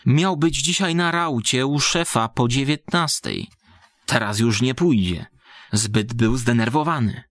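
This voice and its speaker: A man reading a story aloud as scripted audiobook narration, measured and deliberate. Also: mid-range voice, a bit bright, no room sound, studio quality.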